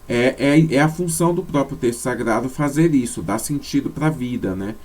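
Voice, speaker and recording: This male teacher, a native Portuguese speaker, talks through slides at normal speed in a medium-pitched, slightly mellow voice. He works through the material step by step, frequently adding tag questions and self-corrections.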